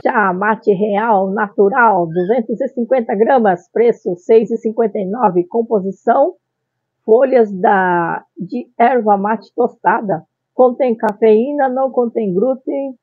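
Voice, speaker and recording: A middle-aged woman with a Brazilian accent hosting a casual product review vlog, announcing her phrases deliberately, on a phone-like recording. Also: on the high side, breathy edge, no echo, soft background music. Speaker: YouTube channel host. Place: small tiled room at home, indoors. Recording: phone-like, band-limited sound.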